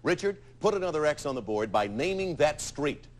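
A man hosting a TV game show, bantering playfully with contestants and reading questions briskly in a studio. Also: on the high side, big pitch swings.

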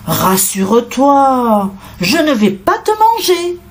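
A woman voicing a gentle, bumbling male wolf who talks softly and stammers when flustered. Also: a little high, big pitch swings, a little slow, slight background noise, pitched above the performer's own voice.

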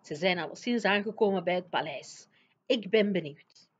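A woman teacher reading a children's book aloud in a lively storytelling manner. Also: on the low side, normal speed, slightly rough. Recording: dull lo-fi recording.

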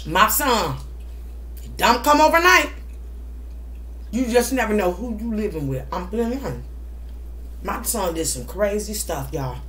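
A woman's voice: medium pitch, expressive, unhurried, long pauses, a bit bright. A middle-aged woman giving testimonial vlog talk in a preacher-like, emphatic way, repeating short phrases. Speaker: mukbang vlogger. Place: small indoor room at home.

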